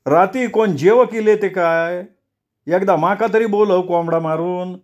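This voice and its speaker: A man voicing a wheedling, boastful old male slum dweller in a spoken storybook, with a drawn-out, raised, pleading delivery. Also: sits high, muffled recording, voice pushed up.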